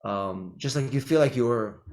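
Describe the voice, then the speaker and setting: Speaking a little slowly in a medium-pitched, slightly mellow voice, this guest is a middle-aged immigration attorney from Israel. He responds to interview questions with care, often saying um and restarting his sentences.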